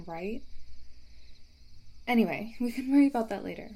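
A young woman voicing a playful camping companion who talks straight to the listener. She teases, giggles, and drops into a hushed voice to tell a ghost story. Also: fairly high pitch, expressive, unhurried, breathy edge, full character voice. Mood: teasing. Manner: teasing, breaks into giggles. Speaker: voice actor in a listener roleplay. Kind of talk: first-person audio roleplay addressed to the listener.

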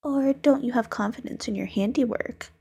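A woman voicing a playful, teasing female demon who hypnotizes, in a soft-spoken, coaxing, whispery ASMR roleplay manner. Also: on the high side, normal speed, heavily acted. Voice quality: whispery, breathy.

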